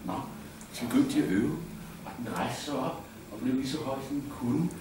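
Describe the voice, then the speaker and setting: A man telling a children's story aloud at an event, animated and playful with drawn-out phrasing. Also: mid-range voice. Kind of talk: live oral storytelling. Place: indoor event space. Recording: echoey room, distant mic, noisy.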